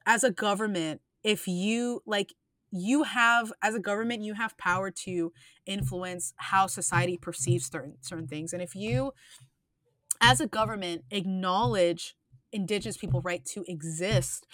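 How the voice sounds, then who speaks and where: A woman hosts a casual podcast in a dry, close-sounding recording. Her voice sits at an ordinary middle pitch. She talks earnestly and rambles, often restarting her sentences and filling gaps with "um" and "like.". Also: a little slow, a bit bright, dry recording. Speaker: podcast host.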